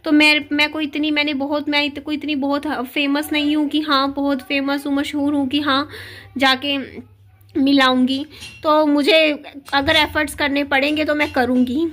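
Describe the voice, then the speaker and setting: A woman's voice: sits high, little pitch movement, moderate pace, fairly bright tone. A woman vlogging a heartfelt personal confession to her viewers, talking earnestly with frequent fillers and restarts, her throat a little sore. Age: adult (widowed). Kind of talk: personal video message to viewers.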